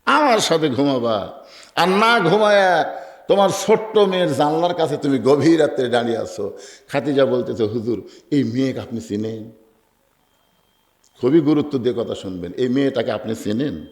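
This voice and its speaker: A male preacher with a Bangladeshi Bengali accent delivering an emotional sermon, telling a story and swinging between loud cries and hushed quoted lines. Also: mid-range voice, expressive, a little fast, echoey room.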